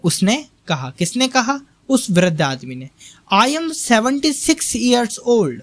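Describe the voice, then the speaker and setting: Young male teacher, measured slow delivery, questions the class as he explains, close dry mic. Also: high-pitched, no echo. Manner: reads English lines very slowly, then explains in Hindi with quiz-style questions. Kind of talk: slow line-by-line textbook lecture.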